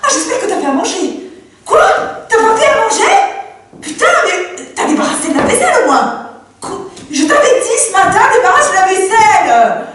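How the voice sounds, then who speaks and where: An actress playing a worn-out working wife and mother who swears and shouts at her partner, on a stage. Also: very high voice, sing-song, moderate pace, heavily acted. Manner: exasperated, swearing, rising to shouts. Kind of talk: stage monologue. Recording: echoey stage from far off, faint noise.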